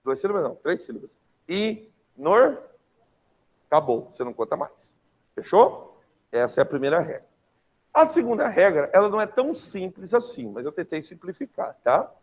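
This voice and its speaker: A young adult man with a Brazilian Portuguese accent, teaching an online class in a lively, slangy way, often checking in with his students. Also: high voice, fairly quick.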